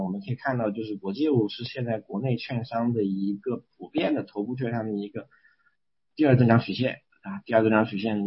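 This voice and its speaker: A man with a fairly low, husky voice gives an analyst's briefing on a call, repeating phrases as he goes. The audio is somewhat dull and lo-fi. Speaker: securities industry analyst. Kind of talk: semi-scripted investment briefing on a conference call.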